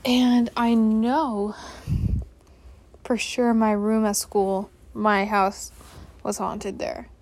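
A woman's voice: medium pitch, level tone, drawn-out words, long pauses, a little mellow, dry recording. A young adult woman hosting a casual solo podcast, rambling and apologetic as she interrupts herself. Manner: scatterbrained, self-interrupting, apologetic. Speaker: podcast host. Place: bedroom at home.

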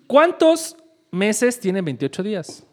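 Brief: Mexican podcast co-host, man, high and lively, ribbing his guest. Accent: Mexican Spanish. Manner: joking, slangy, laughing. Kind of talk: casual quiz banter.

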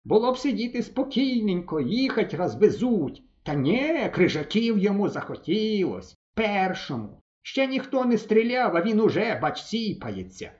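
A man voicing a gruff, bossy old village grandfather who scolds bluntly. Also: high-pitched, sing-song, normal speed, hardly any pauses, a little mellow, highs cut off, pitched above the performer's own voice. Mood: scolding.

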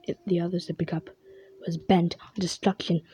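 A woman with a husky voice reading a children's story aloud in an expressive, playful storybook style. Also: fairly low pitch, moderate pace. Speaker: storybook reader. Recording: dull lo-fi recording.

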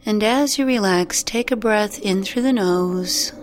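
Over background music, a woman with a medium-pitched voice narrates a guided meditation. She speaks gently, soothingly, and without hurry, leaving long pauses between phrases.

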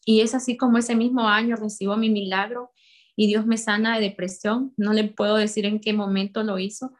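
A young woman with a Honduran accent tells her faith testimony in a heartfelt way. She talks straight to the people listening, at an even, middle pitch. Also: fairly quick. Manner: heartfelt, addresses listeners directly. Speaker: testimony speaker.

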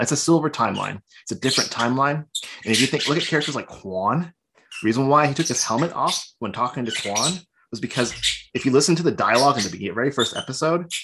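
A man co-hosting a podcast, chatting casually as an eager, rambling fan. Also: lowish voice. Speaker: podcast co-host. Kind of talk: casual chat. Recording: loud background noise with clicks.

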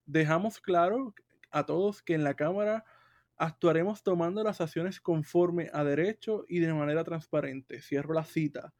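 A man co-hosting a casual political chat, reading out news in a measured way. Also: fairly high pitch, a little mellow, no room sound, studio quality. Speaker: podcast co-host.

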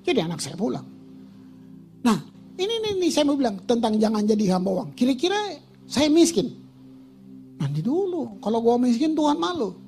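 Older pastor guy preaching, pretty high voice, chatty slangy stories, faint music in the back. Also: sing-song, normal speed, vocal fry, pauses often, a little mellow. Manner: emotional storytelling, mixes slang and preaching. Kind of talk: sermon.

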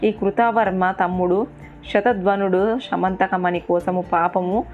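A woman's voice: medium pitch, steady tone, a little slow, natural voice. A vengeful, hot-headed male warrior, read by a woman narrator in a plain middle voice. The sound is tinny, like a phone, with faint music under it. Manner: plain speech in the narrator's own voice.

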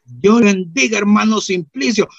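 A man putting on Simplicio, a gravelly rambling rustic. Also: sits high, a little slow, dry recording, dull audio, full character voice. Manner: rambling, repeats "mire", acts out voices. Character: naive rustic churchgoing man, rambling storyteller. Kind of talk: comic character monologue.

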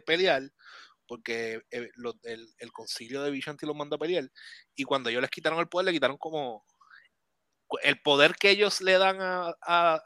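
A man chatting casually about a movie on a podcast, animated and mixing in English words. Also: on the high side, dry recording. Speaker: podcast co-host.

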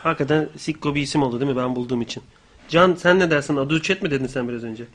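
A man's voice: mid-range voice, very fast, fairly bright tone, a little hiss or hum. A man co-hosting a casual radio show, joking and swearing freely as he banters.

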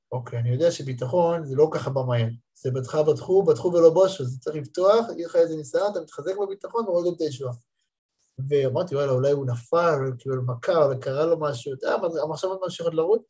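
Husky, mellow-voiced male spiritual teacher. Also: on the high side. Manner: emphatic storytelling, repeats words for stress. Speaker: religious motivational teacher. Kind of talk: spiritual lesson with a personal story.

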